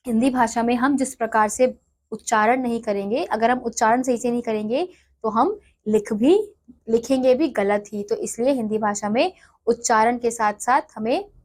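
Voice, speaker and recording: A woman teaching a lesson to children, explaining slowly and repeating each example word. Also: on the high side, darkish tone. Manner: slow, explanatory, repeats words for dictation. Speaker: Hindi teacher.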